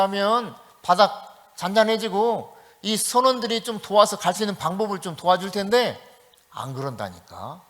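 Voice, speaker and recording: A man preaching a sermon as pastor, telling a story in a lively way and acting out the quoted voices. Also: high-pitched, long reverb tail. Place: church sanctuary.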